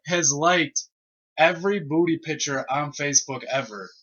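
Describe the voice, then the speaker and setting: A man's voice: fairly high pitch, normal speed, a bit bright. A young man co-hosting a casual, uncensored podcast, telling stories in slang and laughing through them. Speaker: podcast co-host. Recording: dull lo-fi podcast recording.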